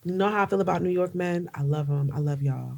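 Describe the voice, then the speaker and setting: A woman's voice: on the low side, fast, creaky, darkish tone. A young woman from New Jersey co-hosting a podcast in casual chat, joking and laughing often. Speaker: podcast co-host.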